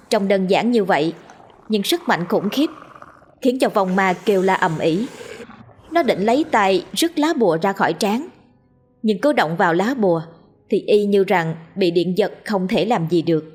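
A woman's voice: mid-range voice, animated, moderate pace, breathy edge, faint music behind. A woman narrating a ghost story in a scripted, storytelling way.

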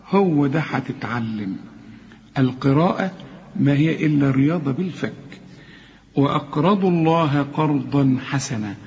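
An Egyptian man with a somewhat high voice gives a lively Quran recitation lesson. He chants verses slowly and quizzes himself aloud. The recording is dull and lo-fi. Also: creaky, slight background noise. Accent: Egyptian Arabic. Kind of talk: tajweed lesson.

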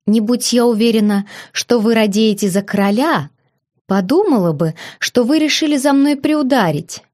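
A woman's voice: fairly high pitch, normal speed, a little mellow, close to an everyday voice. A woman reading the lines of a hurt, stubborn young duchess, flustered and indignant, in an audiobook.

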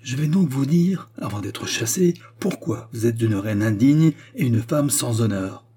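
A man's voice: medium pitch, moderate pace, dark tone, slightly rough, lightly acted. A man reading an audiobook, voicing a jealous young nobleman who speaks with intense, barely restrained accusation. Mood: furious.

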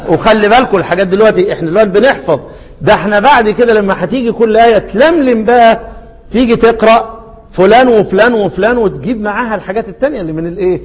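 A middle-aged man with an Egyptian accent teaching Quran recitation, quizzing listeners with repeated questions and chanting quoted verses slowly. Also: sits high, husky, dull audio. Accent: Egyptian Arabic. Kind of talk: teaching lesson with call-and-response questions. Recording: hall reverb.

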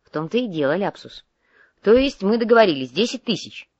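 A woman voicing a calm, shrewd young male mercenary who bargains firmly and businesslike. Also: medium pitch, a little fast, dry recording, lo-fi sound, voice pushed up. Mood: bargaining.

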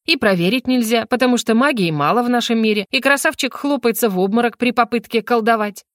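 A practical young woman friend who is skeptical and teasing, with a slightly high voice, as the woman reader puts her on. The reading is dry and close to the mic. This is storybook narration. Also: fast, no room sound, natural voice.

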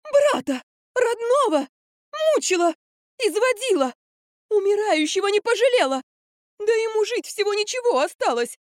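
A shrill, screeching middle-aged mother in an audiobook, as a woman narrator puts her on. She pitches high and hurls accusations at full tilt, in a dry, close sound. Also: sing-song, normal speed, no room sound. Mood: shrieking. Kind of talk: audiobook character voice.

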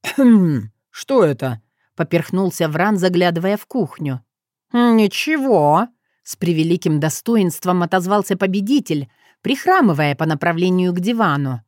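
A woman's voice: on the low side, animated, moderate pace, no echo. Woman narrating a storybook, dry close sound. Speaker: audiobook narrator. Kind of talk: scripted narration.

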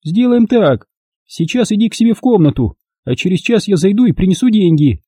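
A man's voice: sits high, lively intonation, brisk, mellow, husky, no room sound, studio quality, pitched above the performer's own voice. A man reading an audiobook, voicing a harsh, scornful middle-aged woman who scolds coarsely.

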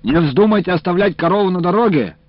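Curt, stern male official in a storybook reading, voiced by the male narrator; low, dry and dull-sounding. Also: animated, moderate pace, dry recording, natural voice. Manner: curt, bureaucratic. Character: gruff adult male procurement official, stern. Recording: dull, dry lo-fi audiobook recording.

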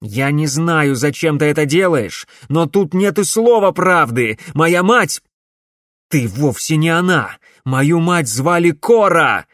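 A man reading an audiobook, voicing a shocked, angry young man who shouts in agitation. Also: on the high side, animated, slow pace, dry recording, clean studio sound, voice pushed up. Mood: furious.

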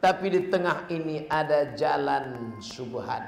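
A male preacher, giving a lively sermon in a large hall, answering questions and acting out the people he describes. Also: on the high side, unhurried, creaky. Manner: animated, mimics askers and rises to shouts. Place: large hall with a live audience. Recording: roomy live hall with faint ambience.

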